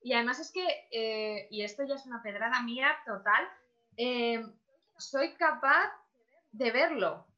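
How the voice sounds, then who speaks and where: A woman's voice: on the high side, a little slow, pushed and bright, highs cut off. A woman speaking as a guest in a casual podcast chat, chatty, with many fillers and frequent laughs.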